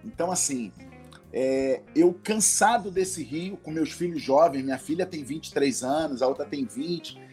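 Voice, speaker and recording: A middle-aged Brazilian man speaks with a strong Carioca accent, his voice mellow and a touch high. He talks effusively and fervently, like a pastor guesting on a radio show, with faint music playing behind him. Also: normal speed. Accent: Carioca Portuguese. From Rio de Janeiro, Brazil. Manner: effusive, fervent, peppered with religious exclamations. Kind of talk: casual radio interview chat. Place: radio studio.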